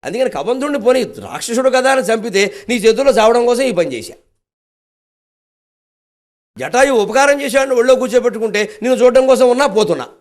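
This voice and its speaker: An older man with a Telugu accent gives a devotional discourse in a fairly high voice. He tells the story animatedly, acting out the characters' lines and dropping in humorous asides to the audience. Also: animated, fairly quick. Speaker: spiritual discourse speaker.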